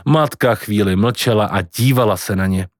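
A man reading a novel aloud, narrating in an expressive storytelling manner. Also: on the low side, dry recording, studio quality. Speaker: audiobook reader. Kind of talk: scripted narration.

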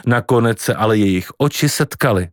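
A man reading a novel aloud, narrating in an expressive storytelling manner. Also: on the low side. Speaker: audiobook reader. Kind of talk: scripted narration.

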